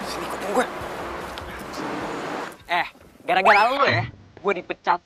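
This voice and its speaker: A man's voice: sits high, loud music behind the voice, close to an everyday voice. A young actor with a Jakarta accent playing a blunt, hot-tempered male driver who talks in brash slang. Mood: irritated. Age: young adult. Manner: quick to snap, brash slang.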